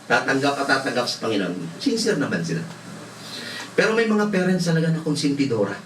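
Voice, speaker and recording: A man's voice: mid-range voice, very animated, brisk, crowd noise. A male pastor from the Philippines preaching a sermon, telling stories with laughter and mixing in English. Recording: roomy hall, voice from far off, faint noise.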